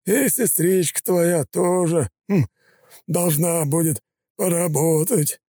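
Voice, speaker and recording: Fat mocking mobster, high drawl, slow sneer, dry close sound. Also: male voice, warm tone, husky, no room sound. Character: fat sneering male gangster boss, mocking.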